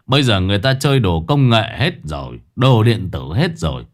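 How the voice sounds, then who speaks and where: A man's voice: on the low side, sing-song, fairly quick. A man voicing a boastful, scheming old village con man who squeals and whines when he gets caught. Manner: bragging, then squealing and whining when caught.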